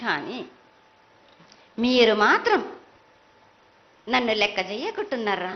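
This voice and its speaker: At a live temple festival ritual, a woman speaks as a mother goddess in a prophetic trance, chanting insistent, repeated phrases of reproach and demand. Her voice is on the high side, sing-song and unhurried, captured with the dull sound of a lo-fi live broadcast.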